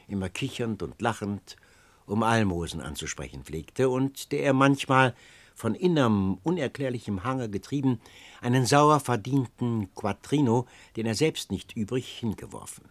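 Man, audiobook narrator, dramatic telling, lively melody, dry studio sound. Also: mid-range voice, no room sound. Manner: expressive, dramatic storytelling.

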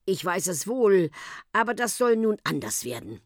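A woman's voice: mid-range voice, big pitch swings, moderate pace, no room sound, studio quality, voice pushed up, lightly acted. A woman voicing an awkward middle-aged uncle who speaks formally in a storybook reading.

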